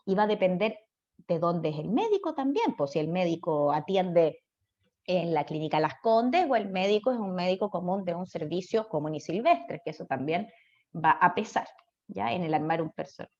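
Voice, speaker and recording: A woman's voice: on the low side, lively intonation, normal speed, a little mellow. A woman with a Chilean accent giving a class on speech therapy, chatty and checking in with students through frequent tag questions. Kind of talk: online class lecture. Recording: dull lo-fi audio.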